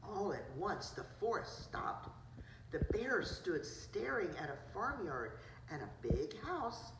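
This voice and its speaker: With a slow, sing-song delivery at medium pitch, a woman reads a picture book to her preschool class and remarks simply on the pictures. The recording is roomy and noisy, taken from a distant mic.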